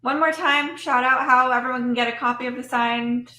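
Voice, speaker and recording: A woman with a higher, bright voice prompts her guest with upbeat questions. She sits off-mic, so her voice sounds distant in a roomy echo. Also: steady tone, a little fast. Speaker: stream host.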